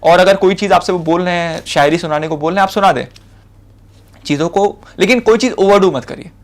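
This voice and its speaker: A young man with an Indian accent, a civil services officer, lectures on interview advice in a high-pitched voice at a slightly fast clip. His delivery is casual and conversational, full of fillers and short points he keeps repeating.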